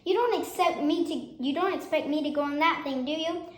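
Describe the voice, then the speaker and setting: A woman's voice: high voice, brisk, voice pushed up, close to an everyday voice. A woman voicing a proud, grumbling but kindly male lion in a children's storybook, with a stately, slightly pompous manner. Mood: worried, indignant. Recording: echoey room.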